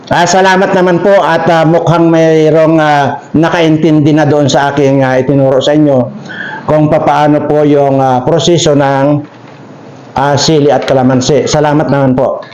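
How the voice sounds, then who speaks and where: High-voiced man telling a rambling joke. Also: flat delivery, normal speed, darkish tone. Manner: rambling, filler-heavy, chuckling. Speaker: channel host. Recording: echoey room.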